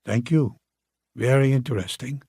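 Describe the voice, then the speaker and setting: A man reading an audiobook, voicing a courteous, formal gentleman from northern Portugal. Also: medium pitch, normal speed, breathy edge, no room sound, studio quality. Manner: formal and polite.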